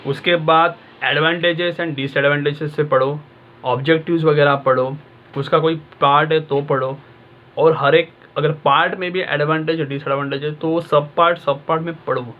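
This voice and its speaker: A man's voice: fairly high pitch, fairly even intonation, measured pace, phone-quality sound. A male exam-prep tutor talking casually and directly to his students, in a conversational coaching manner.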